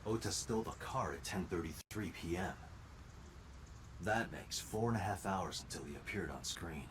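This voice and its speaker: A man's voice: sits low, moderate pace, background noise, natural voice. An actor playing a dry, wisecracking male police detective in a video game. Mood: businesslike. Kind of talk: English video game voice acting.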